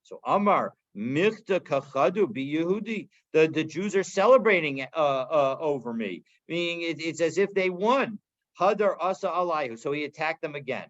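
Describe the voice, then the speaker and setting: Halting man teaching a Talmud page. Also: on the high side, expressive, fairly bright tone, muffled recording. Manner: translating Aramaic line by line, casual and halting. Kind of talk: daily Talmud class.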